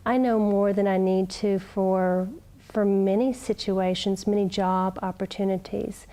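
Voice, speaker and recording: A woman who graduated from a massage school gives an earnest, steady testimonial. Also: medium pitch, unhurried. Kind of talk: testimonial interview.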